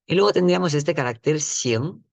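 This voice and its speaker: A man teaching vocabulary in a patient, explanatory lesson, often checking in with the listener and repeating words slowly at a higher pitch. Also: expressive, gravelly, no echo. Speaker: Chinese teacher.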